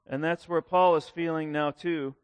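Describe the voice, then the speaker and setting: A man's voice: on the high side, steady tone, normal speed, clear, resonant tone, no room sound. A male pastor preaching a conversational sermon in a folksy way, often repeating words and acting out quoted lines.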